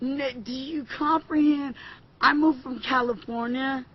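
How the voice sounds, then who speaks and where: Slow-talking woman, muffled recording. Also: high-pitched, steady tone, husky. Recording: muffled, slightly noisy clip.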